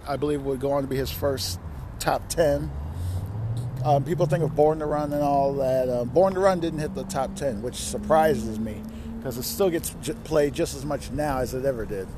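Over a noisy background, a man with a fairly high voice hosts a music top ten countdown. He's chatty and rambling, often interrupting himself with asides.

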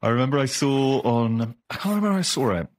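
A man's voice: medium pitch, expressive, fast talker. A man hosting a podcast, talking in an enthusiastic, effusive way in a casual interview chat. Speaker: podcast host.

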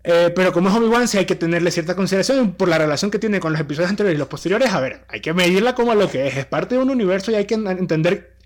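A young man with a high, light voice. He co-hosts a casual podcast, talking in an animated way and often restarting mid-sentence. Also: rapid-fire, hardly any pauses. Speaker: podcast co-host.

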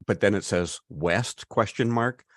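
A man's voice: fairly low pitch, a little slow. A man in his fifties co-hosting a podcast, telling a long story in casual chat with many restarts. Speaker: podcast co-host.

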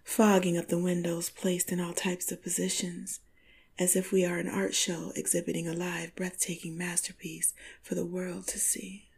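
A woman narrating an intimate first-person story in a slow, sultry, breathy half-whisper. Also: lowish voice, flat delivery, a little mellow, a little hiss or hum. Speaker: podcast storyteller.

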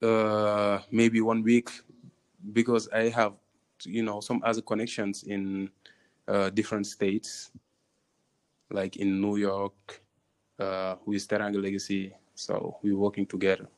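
A man's voice: lowish voice, completely flat delivery, a little slow. A man from Senegal with a Senegalese accent answers interview questions conversationally, hesitating and repeating phrases as he goes. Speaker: interviewee, tourism venture co-founder.

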